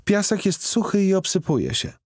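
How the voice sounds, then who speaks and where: A man voicing a cheeky, nonchalant young girl in an audiobook, with high childish chatter. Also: wildly swooping pitch, moderate pace, darkish tone, slightly rough, no echo, clean studio sound, exaggerated voice.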